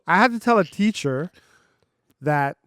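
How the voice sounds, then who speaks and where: Guy ranting a bit, fairly high voice, dry close sound, keeps spelling stuff out. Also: lively intonation, unhurried, a bit bright, clean tone, no room sound. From Canada. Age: adult parent of a young child. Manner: opinionated, emphatic, spells words out. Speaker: podcast co-host. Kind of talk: casual chat.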